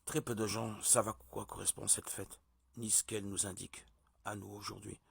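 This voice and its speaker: A man giving a measured, deliberate religious teaching, like a sermon. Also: fairly low pitch, flat delivery, vocal fry, fairly bright tone, breathy edge, dry recording. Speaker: preacher.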